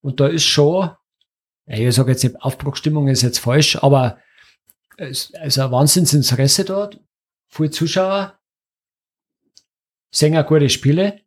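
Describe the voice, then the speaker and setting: A man, co-hosting a casual chat, rambling quickly. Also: a little high. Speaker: podcast co-host.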